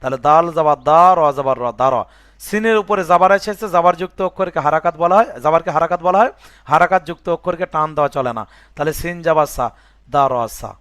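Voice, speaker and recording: In this spelling-out recitation lesson, a man with a fairly high, resonant, clear, slightly bright voice moves quickly through Quran reading, splitting words into letters and vowel marks. He checks in with "বুঝে আসছে?" to make sure the student follows. There is no echo, and the sound is clean studio quality.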